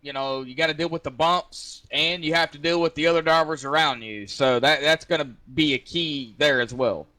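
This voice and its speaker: A man's voice: fairly high pitch, normal speed, hardly any pauses, bright, forceful tone. A man interviewing a race winner over voice chat, stumbling and repeating fillers.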